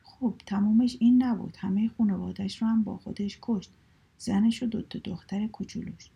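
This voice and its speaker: A woman voicing a sly, teasing young sister in a soft whispered story reading. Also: mid-range voice, fairly even intonation, gravelly, slightly rough, lo-fi sound. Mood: grim.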